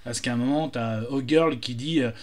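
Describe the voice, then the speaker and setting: A man's voice: medium pitch, normal speed. A man telling jokes casually, hesitant, with many fillers and restarts. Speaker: joke teller.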